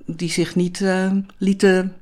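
An older woman who used to live in a commune reminisces about those days in an interview. Her low, slightly mellow voice moves little in pitch, and she speaks slowly, chatty but hesitant, with many fillers and restarts.

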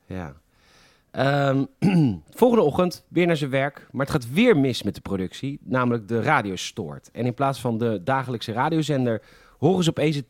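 A Dutch man co-hosting a casual film podcast, walking through scenes one after another and slipping into the characters' lines as he goes. His voice sits at an ordinary middle pitch. The recording is close and dry. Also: dry recording. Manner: retells scenes at length, acting out quoted lines. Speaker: podcast co-host.

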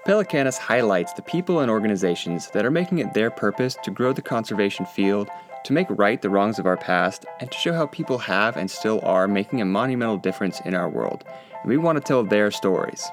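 Male host, low voice, scripted intro, earnest and measured, clear music underneath. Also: expressive. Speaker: podcast host.

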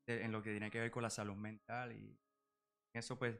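A Puerto Rican man in his forties, a psychology professional, speaking as a podcast guest in a measured way with many filler pauses. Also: on the low side, little pitch movement, vocal fry, fairly bright tone, soft background music. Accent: Puerto Rican Spanish. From Puerto Rico. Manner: measured, full of filler "eh" and "¿verdad?" tags. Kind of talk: podcast interview.

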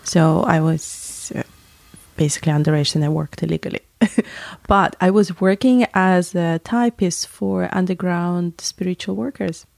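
Woman rambling thru a story, gravelly voice, dry close sound. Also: fairly low pitch, measured pace, darkish tone, no echo. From Latvia. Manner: rambling, self-correcting, laughs often. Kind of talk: casual chat.

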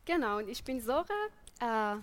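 A woman from Iran co-hosting a podcast, speaking German, slowly and searching for words. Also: fairly high pitch, expressive. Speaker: podcast co-host.

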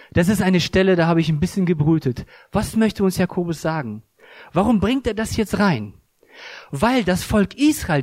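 A man's voice: high-pitched, dry recording, clean studio sound. A man giving an earnest, emphatic sermon, telling a story and explaining a Bible passage. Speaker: preacher.

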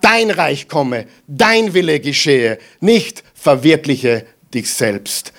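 A man preaching a sermon with emphatic repetitions and mocking asides, swinging between loud and quiet. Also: fairly high pitch, lively intonation, slow. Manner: emphatic, repeats lines for the crowd to echo.

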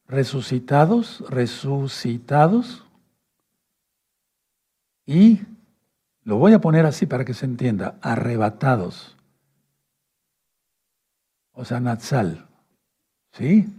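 Man preaching, dark husky voice. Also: medium pitch, lively intonation, slow pace, long pauses. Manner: repeats key phrases, checks in with "¿sí?"; addresses listeners as brothers, tells them to take notes. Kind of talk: sermon teaching at a whiteboard.

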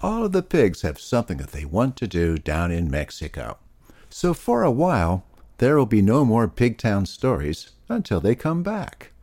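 A man reading a children's story aloud to young listeners in a slow, expressive storyteller manner. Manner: slow, expressive storyteller delivery, swooping pitch.

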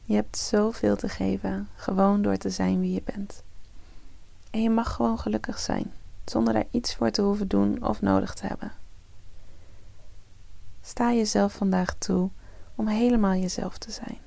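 A woman guiding a morning meditation as podcast host in a soft, breathy, soothing half-whisper, slow like a spa relaxation track. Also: medium pitch, level tone, no room sound.

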